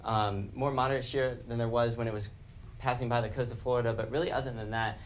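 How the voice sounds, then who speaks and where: Fast-talking male weather forecaster. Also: mid-range voice, fairly even intonation, a little hiss or hum. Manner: explanatory, technical. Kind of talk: live forecast commentary on maps.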